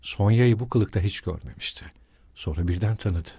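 Husky low-voiced male narrator. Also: moderate pace, warm tone, no echo. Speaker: audiobook narrator. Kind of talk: scripted narration.

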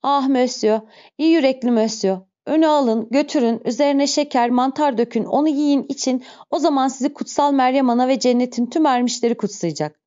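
A greedy scheming innkeeper wife with a raised, whiny voice, played by a woman reading a storybook. She pleads and fawns, soft and mellow in tone. The recording sounds dull and lo-fi. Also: on the high side, expressive, moderate pace, voice pushed up, close to an everyday voice. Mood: gushing. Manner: whiny, pleading, then gushing. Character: greedy scheming female innkeeper, shrill and wheedling.

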